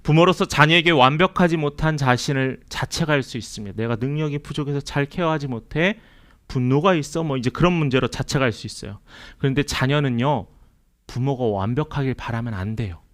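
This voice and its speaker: A man's voice: medium pitch, a little fast, a bit bright. A man preaching a Sunday sermon as pastor, earnest, asking his congregation questions and acting out quoted lines. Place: church sanctuary.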